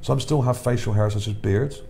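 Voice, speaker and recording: The channel host's low, dark, creaky voice is starting to wear out as he goes at a moderate pace. Reading his article over images, he rambles, repeats words and checks in with "okay?", with slight background noise present.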